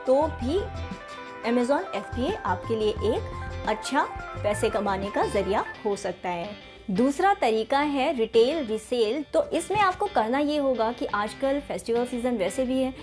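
A woman in her thirties with a high voice talks casually to the camera from a room lined with bookshelves. She addresses viewers directly and pauses often on small fillers. Faint music runs underneath. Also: darkish tone. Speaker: channel host explaining online selling.

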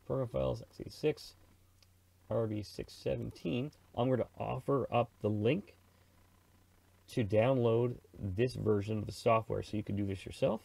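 Speaking at a moderate pace, a middle-aged Canadian presenter records his screen for a casual radio software tutorial, narrating his thinking in a chatty, informal, slangy manner. His mid-range voice carries vocal fry and sounds mellow and slightly rough.

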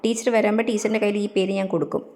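A woman's voice: medium pitch, level tone, very fast, darkish tone, natural voice. Woman playing a bossy girl class monitor. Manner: officious, scolding.

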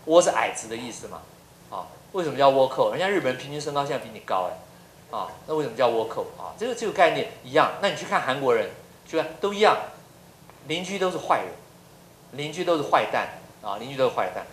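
A man's voice: mid-range voice, big pitch swings, fast talker, a little hiss or hum. A middle-aged man from Taiwan, a professor giving a lecture full of humorous anecdotes and rhetorical questions. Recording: roomy lecture hall.

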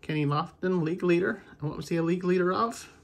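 An American man with a high-pitched, quick voice and some vocal fry chats off the cuff while opening baseball card packs. He's a video host and card collector who rambles a bit, thinking aloud the way hobby hosts do.

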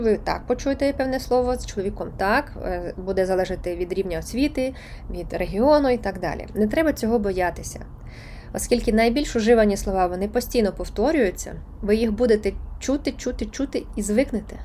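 A woman's voice: medium pitch, quick pace, dark tone, a little hiss or hum. A woman teaching a beginners' Spanish lesson online, chatty and encouraging, laughing now and then.

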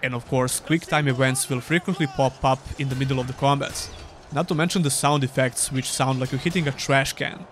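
A man's voice: mid-range voice, fairly even intonation, fairly quick, noisy background. A young man giving a scripted, dryly sarcastic voice-over review of an old game. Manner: dry, sarcastic. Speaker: gaming YouTuber.

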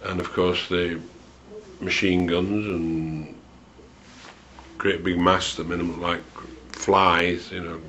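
A man in his sixties telling a personal memory, unhurried and hesitant, with a dry, wry humour. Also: deep voice, level tone, fairly bright tone, a little hiss or hum. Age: 60s. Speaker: storyteller recalling a student memory. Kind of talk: unscripted spoken memoir. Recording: dull lo-fi home recording.

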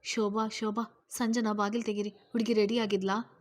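A woman reads as a brisk older woman in a storybook, giving instructions in a commanding way. Her delivery is flat and soft-spoken. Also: mid-range voice, lightly acted.

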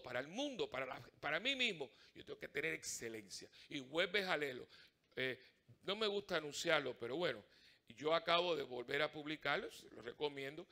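A middle-aged priest preaches a Sunday homily in a church, his voice bright and a touch high for a man. He talks to the congregation the way he would at a kitchen table, full of humor and rhetorical questions. He slips into other people's voices for quick back-and-forth exchanges. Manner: animated and humorous, acts out little dialogues and asks the congregation questions.

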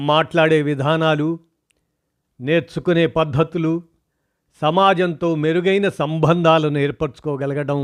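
Guy reading an essay out slow and formal, bit high voice, pauses every few words. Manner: measured, phrase-by-phrase delivery. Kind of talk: formal read-aloud narration.

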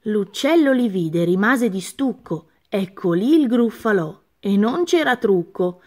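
A woman reading a rhyming children's storybook aloud, with an expressive, sing-song delivery. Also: medium pitch, unhurried.

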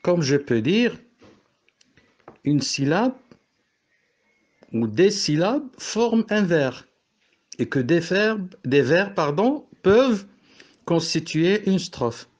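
A man's voice: high voice, big pitch swings, slow, pauses often. A man from Morocco teaching a French poetry lesson, explaining step by step and correcting himself as he goes.

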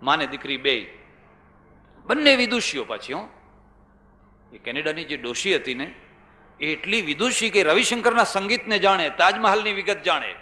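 Older Gujarati swami preaching in an echoey hall. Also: male voice, fairly high pitch, big pitch swings, moderate pace, long pauses, bright, forceful tone. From India. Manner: storytelling, rhetorical questions, repeats phrases for emphasis. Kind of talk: religious discourse to an audience. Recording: echoey hall with long reverb.

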